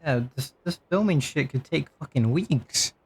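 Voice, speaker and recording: A man's voice: fairly high pitch, expressive, measured pace, breathy edge. Sarcastic, cursing male game streamer. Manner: sarcastic, swears casually. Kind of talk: casual gameplay commentary.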